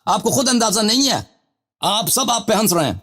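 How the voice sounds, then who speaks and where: Host, male, high-pitched, insistent and interrupting in a heated debate. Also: expressive, a bit bright, slightly rough. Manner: insistent, interrupts, repeats questions.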